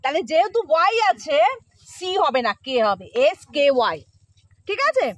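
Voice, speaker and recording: A woman's voice: high-pitched, very animated, normal speed, no room sound. A woman teacher giving a spoken pronunciation lesson, repeating sounds and patiently quizzing her pupils for answers. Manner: patient, coaxing.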